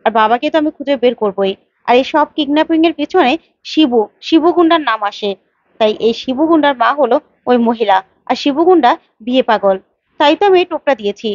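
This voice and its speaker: A woman voicing a sharp young woman in a story, laying a trap with quick, persuasive talk in a high, fast voice. She sounds set on getting her way. The recording is slightly dull and very dry. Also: expressive, no room sound. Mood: scheming.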